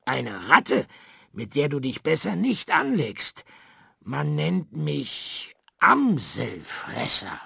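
A man voicing a small, timid but brave earthworm in a storybook reading, faking a gruff voice to bluff. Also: on the high side, huge pitch swings, slow, a bit bright, dry recording, studio quality, voice pushed up, full character voice. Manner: trembling, then gruff when bluffing.

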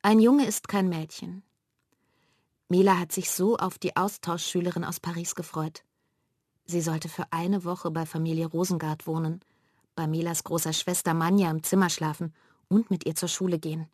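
A woman reading a children's story aloud in a lively, expressive way. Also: lowish voice, normal speed, dry recording, studio quality. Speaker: narrator.

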